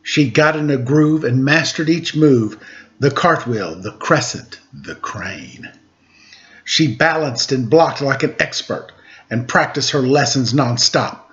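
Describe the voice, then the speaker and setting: In a dull, lo-fi recording, a middle-aged man hosts storytime, reading picture books to children and chatting casually with playful humor. His mid-range voice is animated, slow and a bit bright.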